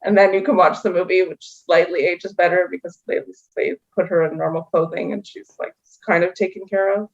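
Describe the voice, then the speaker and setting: Wry lower-voiced woman guest, muffled. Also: steady tone, a little fast, gravelly, few pauses. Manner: wry, laughs through her stories. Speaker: podcast guest. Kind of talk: casual chat.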